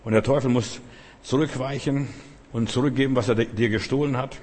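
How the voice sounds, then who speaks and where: A husky-voiced male preacher delivering an emphatic sermon, stacking repeated phrases and pushing up in bursts. His voice is slightly breathy and rings out with a long reverb, as if recorded in a church hall. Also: medium pitch, fairly even intonation, a little fast, darkish tone.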